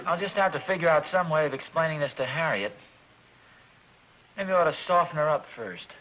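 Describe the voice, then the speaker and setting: A man's voice: on the high side, brisk, very noisy, close to an everyday voice. A man playing a fretful middle-aged husband and father in a 1950s radio sitcom, talking in an earnest, flustered way. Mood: scheming. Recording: dull lo-fi old radio broadcast.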